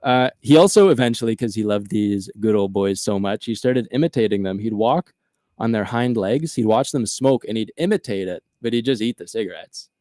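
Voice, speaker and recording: Male podcast host, animated storyteller, casual, dry recording. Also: lowish voice, brisk, no echo.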